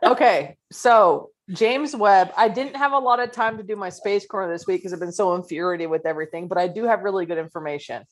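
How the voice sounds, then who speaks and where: A woman's voice: medium pitch, fairly quick, hardly any pauses. A woman from California co-hosting a podcast in casual chat. She rants, tells stories and swears freely. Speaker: podcast co-host.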